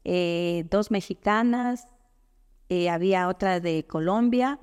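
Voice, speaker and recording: Una mujer de Ecuador, invitada en una entrevista informal, que cuenta anécdotas con animación y recrea diálogos. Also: female voice, on the low side, slow pace, smooth, in a large hall. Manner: animated storyteller, quotes others in dialogue. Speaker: guest. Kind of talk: casual conversational interview.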